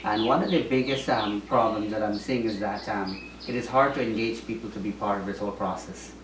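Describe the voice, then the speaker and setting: A man from Guyana, a former mayoral candidate, answers interview questions in a fairly low voice at a slightly fast pace. He sounds hesitant, with many ums and restarts, and the distant mic picks up a roomy echo and faint noise.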